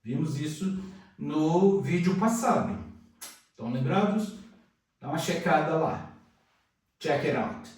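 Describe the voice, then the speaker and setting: A man's voice: a little high, darkish tone, far from the mic. A Brazilian man teaching English pronunciation, saying each word twice and then translating it. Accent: Brazilian Portuguese. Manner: slow, drills words twice then translates. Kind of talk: pronunciation lesson. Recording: echoey room, voice away from the mic.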